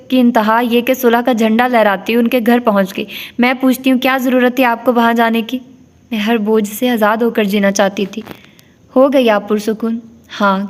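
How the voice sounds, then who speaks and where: A woman reading a novel aloud as narrator, with a steady delivery, voicing the characters in her own voice. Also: on the high side.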